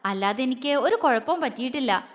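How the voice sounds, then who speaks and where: A woman voicing a tender young man who speaks softly and coaxingly to his beloved in an audio story. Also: high voice, lively intonation, fairly quick. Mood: soothing. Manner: soft, coaxing, affectionate.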